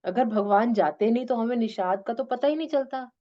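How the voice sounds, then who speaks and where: Woman spiritual teacher, warm and gentle, talks patiently to students; muffled lo-fi sound. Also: on the high side, a little fast. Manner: gentle, coaxing, addresses listeners as "beta"; mixes English phrases into talk. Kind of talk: devotional discourse to students.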